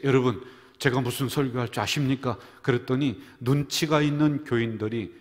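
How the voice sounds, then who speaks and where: Korean pastor preaching in a reverberant hall. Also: male voice, mid-range voice. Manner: storytelling, swings from loud to whispered. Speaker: senior pastor. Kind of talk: sermon with jokes. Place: church sanctuary.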